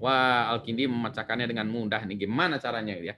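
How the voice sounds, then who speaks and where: A man's voice: medium pitch, quick pace, slight background noise. Chatty man lecturing with many fillers. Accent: Indonesian. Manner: relaxed, chatty, many fillers and tag questions. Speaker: university lecturer. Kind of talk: recorded lecture.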